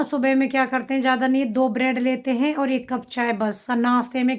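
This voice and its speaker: A middle-aged woman with a slight cough, chatting to her viewers in a rambling account of her family's day. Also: high-pitched. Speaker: family vlogger. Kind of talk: casual vlog talk to camera.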